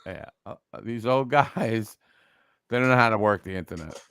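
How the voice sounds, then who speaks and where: A man co-hosting a sports talk show, tossing in crude jokes and quick asides. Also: on the low side, animated, fairly bright tone, clear, resonant tone, dry recording, clean studio sound. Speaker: podcast co-host. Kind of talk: casual chat.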